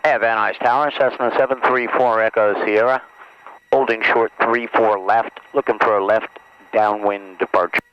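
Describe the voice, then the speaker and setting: A man's voice: fairly low pitch, steady tone, moderate pace, clean tone, highs cut off. A man, a pilot, calling the tower over the aircraft radio in clipped, routine radio phrasing. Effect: pilot heard over the aircraft radio.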